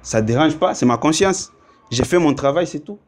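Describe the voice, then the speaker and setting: Congolese musician talking things through. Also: male voice, a little high, expressive, normal speed. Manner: thoughtful, explains at length with fillers. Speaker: musician guest. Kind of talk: casual interview talk.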